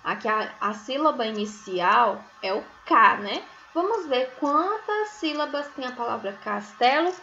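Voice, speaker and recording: A woman teaching a recorded first-grade phonics lesson, sounding out syllables slowly and often checking in with tags. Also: fairly high pitch, very animated, gravelly, pushed and bright, highs cut off, slight background noise. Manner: slow, drawn-out syllables, sounding words out; frequent checking tags like "né?" and "certo?". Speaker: primary school teacher.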